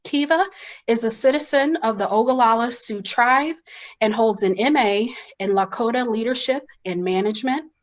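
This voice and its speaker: A woman's voice: a little high, normal speed. A woman opens a webinar as moderator, reading out welcomes and panelist introductions in an upbeat, polished way. She speaks through a video call mic.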